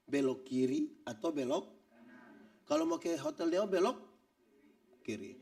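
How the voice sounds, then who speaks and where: A man preaching a church sermon, animated and joking, acting out little scenes. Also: on the high side, unhurried, creaky, recorded from a distance. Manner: animated preaching with acted-out quotes and jokes. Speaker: pastor.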